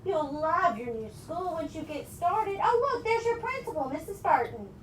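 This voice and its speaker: A woman storyteller plays an affectionate, firm husband from a picture book. The delivery is coaxing and emphatic, high in pitch with big swings, in a roomy recording. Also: very animated, moderate pace. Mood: reassuring. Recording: roomy, distant mic with background noise.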